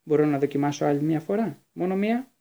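A man's voice: on the high side, gravelly, mellow, lo-fi sound. A man voicing an earnest, eager teenage boy wizard in an audiobook. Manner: earnest, pleading.

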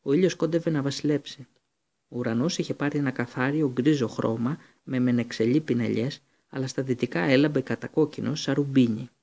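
A man reading a storybook aloud, steady, with occasional slips and restarts. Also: medium pitch. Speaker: audiobook reader. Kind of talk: storybook narration.

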